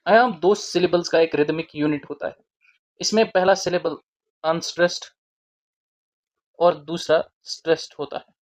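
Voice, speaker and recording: In a mid-range voice, a teacher gives a deliberate lesson on a literature topic, spelling out key terms word by word.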